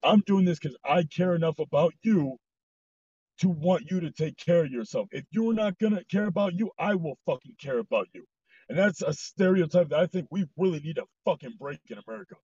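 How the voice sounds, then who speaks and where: Husky man ranting with heavy swearing. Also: fairly high pitch, expressive, a little fast, mellow, dry recording. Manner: heated, swears heavily, ranting. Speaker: podcast host. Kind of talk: blunt, profane casual chat. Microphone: voice chat mic. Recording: dull lo-fi online voice call.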